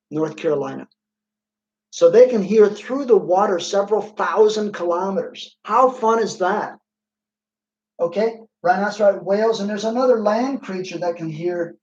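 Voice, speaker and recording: Male science teacher, chatty and quizzing, high voice, roomy dull online-class audio. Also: darkish tone. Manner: playful, chatty, quizzes students by name. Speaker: physics teacher.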